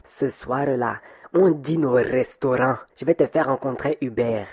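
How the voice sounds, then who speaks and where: A woman's voice: extremely low pitch, unhurried, darkish tone, husky, exaggerated voice. A woman playing a cheerful, engaged young woman who coaxes her best friend in a friendly, playful way. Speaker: best friend character in an audio web series. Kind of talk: amateur audio drama acting.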